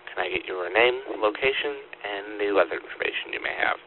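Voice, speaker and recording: Man over static-filled radio, low voice. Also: brisk. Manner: procedural, repeating call signs and details back. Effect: two-way radio transmission. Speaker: amateur radio net controller. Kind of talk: formal scripted radio check-in procedure. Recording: phone-like radio static and hum. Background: radio static and hum.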